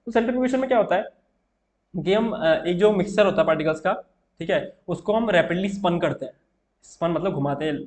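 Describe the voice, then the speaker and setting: A young man with a slightly high voice teaches an exam-prep chemistry lesson. He talks casually and often checks in with his viewers as he explains at the board. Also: fast talker, darkish tone. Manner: casual, repeats "theek hai" often, writing on board.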